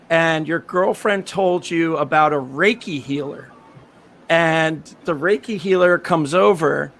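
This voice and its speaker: A man hosts a podcast game in a playful, joking way. His voice is high for a man and gravelly, with fry at phrase ends. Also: a bit bright. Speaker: podcast host. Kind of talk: casual chat.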